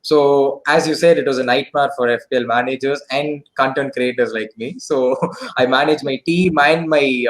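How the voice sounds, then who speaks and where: Relaxed man chatting about his season. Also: medium pitch, normal speed, low-quality recording. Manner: relaxed, with frequent fillers and "so". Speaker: fantasy football content creator. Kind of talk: casual online chat show.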